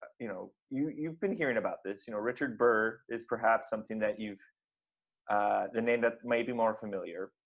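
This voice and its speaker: A man's voice: on the low side, brisk, vocal fry, lo-fi sound. A man co-hosting a comedy podcast, talking in a rambling, mock-serious way with lots of fillers. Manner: rambling, earnest, many fillers. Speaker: podcast co-host.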